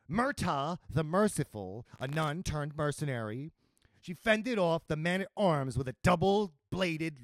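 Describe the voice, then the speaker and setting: A man narrating a comic fantasy tale with a playful, expressive delivery. His voice is fairly high, slow-paced and full of swings in pitch, recorded close and dry. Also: dry recording. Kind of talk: storytelling narration.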